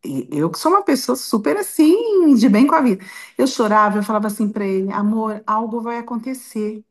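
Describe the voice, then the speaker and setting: A woman's voice: fairly high pitch, sing-song, fairly quick. A middle-aged Brazilian woman and grandmother, telling a personal story in an interview in a heartfelt, emotional way with many restarts. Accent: Brazilian Portuguese. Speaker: interview guest.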